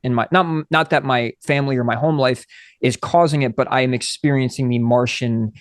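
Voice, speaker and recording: A man's voice: medium pitch, fairly even intonation, fairly quick, dry recording. Dry-voiced man chatting about astrology. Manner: conversational, reads book excerpts aloud. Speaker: podcast co-host. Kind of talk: casual astrology chat.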